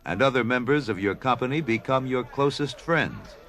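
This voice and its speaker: A man's voice: medium pitch, expressive, moderate pace. A man reading scripted documentary narration as the narrator.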